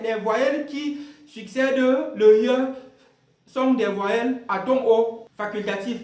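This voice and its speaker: A man with a strikingly high voice leads an online language lesson. He explains slowly and patiently, repeats his points and poses rhetorical questions that he then answers himself. The recording has a noticeably roomy echo. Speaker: language teacher.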